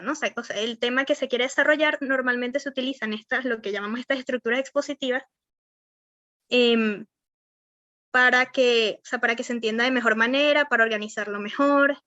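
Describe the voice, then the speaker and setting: A young woman teaches an online class in a Venezuelan accent. Her voice sits a little high and sounds bright and sharp, with plenty of fillers and constant check-ins with the students. The dry, dull lo-fi audio has no room sound. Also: no echo. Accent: Venezuelan Spanish. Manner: rambling, many fillers like "o sea" and "este". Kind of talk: online class on verbal skills.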